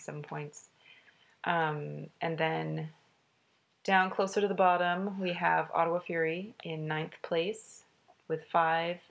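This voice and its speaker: A woman's voice: deep voice, vocal fry. A woman co-hosting a soccer podcast, running through results and standings with frequent fillers. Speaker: podcast co-host. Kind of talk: casual sports chat.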